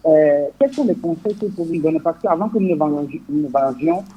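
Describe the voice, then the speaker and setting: A man's voice: fairly high pitch, lively intonation, quick pace, slightly rough. A man calling in to a radio show over the phone, asking his questions hesitantly with many fillers and restarts. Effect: radio show caller heard over a phone line. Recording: muffled phone line with faint noise.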